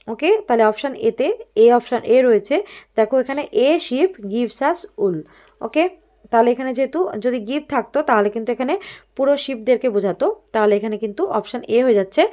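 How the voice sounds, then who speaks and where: Woman, teacher, fairly high voice, step-by-step explaining. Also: a little mellow. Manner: explains step by step, reads sentences slowly. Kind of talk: exam-prep grammar lesson.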